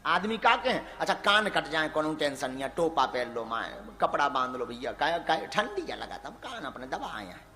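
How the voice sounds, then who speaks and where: Fiery high-voiced preacher man. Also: very animated, a little fast, hardly any pauses, sharp tone. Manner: dramatic, acts out dialogue, chants verses. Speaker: religious storyteller. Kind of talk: devotional sermon storytelling. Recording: echoey hall with music behind.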